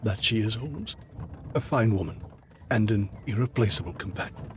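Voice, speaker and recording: A man playing a loyal, kindly Victorian doctor in an audio drama, speaking in a genteel, old-fashioned and expressive way. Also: lowish voice, normal speed, background noise. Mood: subdued, resigned.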